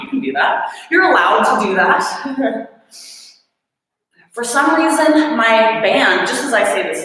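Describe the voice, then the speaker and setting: Woman, fitness instructor, higher voice, upbeat coaching, counts reps, long-reverb echoey room. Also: a bit bright. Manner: upbeat coaching, counts reps aloud, jokes about her own effort. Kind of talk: leading a live workout class.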